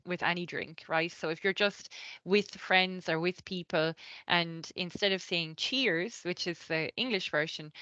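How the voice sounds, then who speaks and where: An Irish woman with a lowish, bright and crisp voice talks through a training session, explaining each point patiently and pausing on filler ums. The sound is dry and a little dull, like a lo-fi recording. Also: no room sound. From Ireland. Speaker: cultural awareness trainer.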